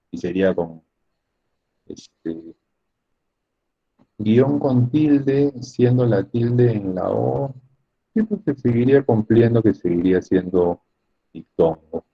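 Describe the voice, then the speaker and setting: A man's voice: low-pitched, slightly rough, lo-fi sound. A man teaching a spelling lesson in an online class, chatty and joking with his students over a computer mic.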